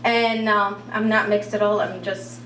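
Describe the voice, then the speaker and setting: A young woman, a native Arabic speaker who grew up in Iraq, telling her own story on a cafe stage, talkative and halting with lots of fillers. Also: mid-range voice, flat delivery, a bit bright, a little hiss or hum. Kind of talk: live personal storytelling. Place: cafe stage at a live event. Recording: roomy cafe, speaker far from mic.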